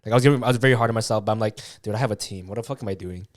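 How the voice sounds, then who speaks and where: A young Canadian man co-hosts a podcast, telling stories energetically in a casual chat, swearing and calling people "dude" and "bro." His fairly low voice races along, captured in clean studio sound with no room sound.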